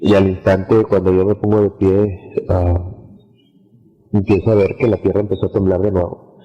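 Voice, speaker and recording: Male preacher, testimony sermon; slow and halting, monotone delivery, muffled lo-fi sound with long reverb. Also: low voice. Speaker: preacher recounting a vision. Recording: dull lo-fi audio with long reverb.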